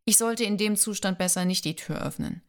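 A woman voicing a gentle, playful young man in love, reading his lines softly in an audiobook. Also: medium pitch, brisk, lightly acted. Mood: tender, teasing. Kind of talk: audiobook dialogue.

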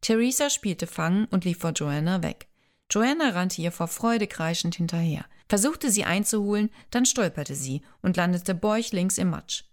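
Woman narrating a romance audiobook, low-toned. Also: animated, moderate pace. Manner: reads a romance novel, lightly voicing characters' lines. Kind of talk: scripted narration.

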